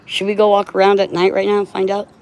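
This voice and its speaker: A woman's voice: medium pitch, monotone, fast talker, a little mellow. A woman chatting casually in a rambling way, often checking for agreement, with slightly slurred sibilants from missing teeth. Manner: often ends phrases seeking agreement with "right". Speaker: vlogger.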